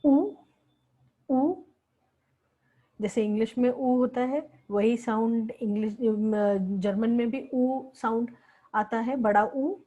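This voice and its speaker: A woman's voice: on the high side, slow, pauses often, dark tone, dull audio. A woman teaching a language lesson, patiently repeating each word several times. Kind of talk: slow spoken lesson with repeated words.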